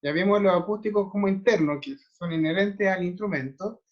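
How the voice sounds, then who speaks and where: A man's voice: sits high, brisk, highs cut off. A man teaching a music theory class, explaining step by step and often checking that students follow. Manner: explanatory, checks understanding with frequent tag questions. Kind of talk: online theory class lecture.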